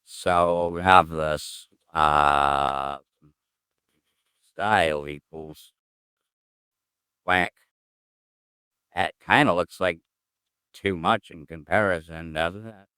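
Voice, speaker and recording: Very deep-voiced man muttering while coding. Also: drawn-out words, long pauses, sharp tone, clean tone, no echo, studio quality. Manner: mutters and thinks aloud, trailing off into hums. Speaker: programmer streaming his coding work. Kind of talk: casual think-aloud coding session.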